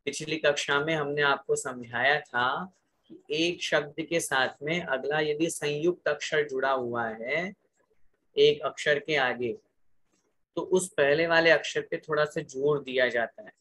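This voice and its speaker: A man leads a scripture class at a slow, deliberate pace, his voice bright and somewhat high. He recites each phrase carefully and pauses so his students can repeat it after him. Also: a little hiss or hum. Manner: drills pronunciation word by word, asks class to repeat aloud. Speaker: teacher of Jain scripture.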